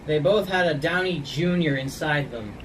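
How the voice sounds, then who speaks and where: A woman casually reading jokes as host of a laughing challenge, blunt and sweary. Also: normal speed. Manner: profane, blunt. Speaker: joke reader hosting a laughing challenge. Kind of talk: casual joke telling. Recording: noisy, distant microphone, rumbling background.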